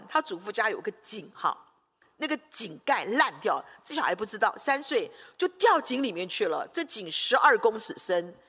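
A woman's voice: medium pitch, a bit bright, slightly rough, big-room sound. A woman preacher delivering an emphatic sermon, driving her points home with long runs of repeated rhetorical phrases.

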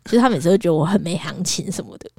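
Lively Taiwanese woman telling a story. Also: fairly low pitch, rapid-fire, creaky, slightly rough, dry recording, studio quality. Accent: Taiwanese Mandarin. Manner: animated, acts out quotes in shifting voices. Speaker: podcast co-host. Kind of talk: casual storytelling chat.

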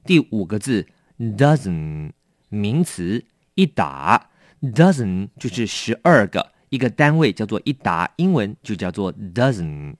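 Lively-voiced man teaching vocabulary. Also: lowish voice, dry recording, studio quality. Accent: Taiwanese Mandarin. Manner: explains patiently, repeating each word slowly. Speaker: English teacher. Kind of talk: vocabulary lesson.

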